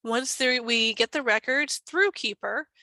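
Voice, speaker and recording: A woman's voice: fairly high pitch, measured pace, sharp tone, no echo, rough recording. A woman, congested from a cold, giving a chatty conference presentation as a university archivist. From Texas. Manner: chatty, self-deprecating.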